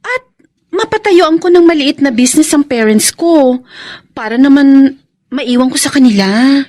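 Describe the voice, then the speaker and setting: A young scheming girlfriend in a radio drama. Her voice sits high and she talks sweetly and coaxingly. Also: animated, a little slow, darkish tone.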